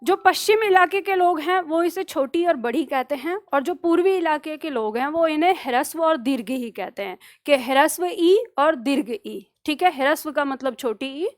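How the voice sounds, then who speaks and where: A woman with a high voice leads an online exam-prep lesson. She repeats each phrase slowly so students can copy it down, then asks a question and answers it herself. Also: expressive. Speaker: Hindi grammar teacher.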